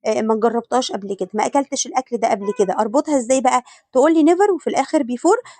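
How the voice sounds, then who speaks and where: An Egyptian woman teacher runs through exam revision at a rapid clip. She asks questions and answers them herself, in a voice a little higher than most. The sound is close and dry, with no room echo. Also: a little mellow. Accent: Egyptian Arabic. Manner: brisk and drilling, asks and answers her own questions. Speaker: English teacher.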